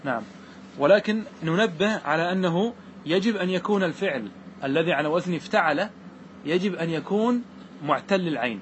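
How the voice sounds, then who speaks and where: A man's voice: sits high, animated, a little hiss or hum. Man teaching grammar, checking understanding often. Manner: checks understanding with repeated questions to students; recites verse lines slowly and deliberately. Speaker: teacher explaining Arabic grammar verses. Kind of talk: classroom lesson.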